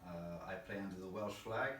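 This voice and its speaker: A man's voice: deep voice, fairly quick, a bit bright. A man from England giving casual interview answers, thoughtful and rambling with many fillers and a self-deprecating touch. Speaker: interview guest, chess boxer. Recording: roomy, distant, faint background noise.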